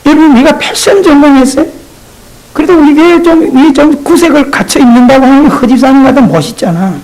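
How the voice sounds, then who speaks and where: A male pastor preaching a sermon, talking straight to his congregation in a playful, animated way. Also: extremely high pitch, brisk, poor audio.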